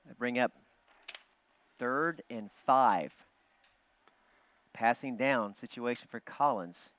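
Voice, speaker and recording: A man calling live football play-by-play from a broadcast booth, quick and chatty, joking with his partner. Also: medium pitch, a bit bright, no room sound. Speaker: play-by-play announcer. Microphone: broadcast booth headset. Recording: dull, muffled broadcast audio.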